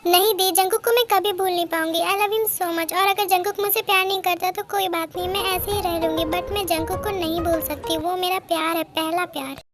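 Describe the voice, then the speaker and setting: A woman's voice: extremely high pitch, steady tone, a little fast, few pauses, over music. A woman voicing a heartbroken, lovesick young woman who pleads through tears in a fan audio drama. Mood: lovesick, hurt. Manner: pleading, emotional delivery.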